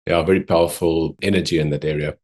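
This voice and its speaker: A man's voice: a bass voice, fairly even intonation, fast talker, a little mellow. A middle-aged man with a South African accent, chatting casually as a guest on a podcast. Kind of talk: casual chat.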